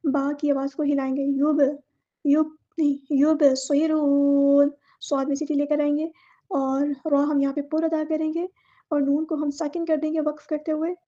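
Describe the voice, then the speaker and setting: High-voiced woman teaching tajweed slowly. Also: flat delivery, mellow, lo-fi sound. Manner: patient, explains each letter then recites slowly. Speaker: Quran recitation teacher. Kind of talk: word-by-word tajweed lesson.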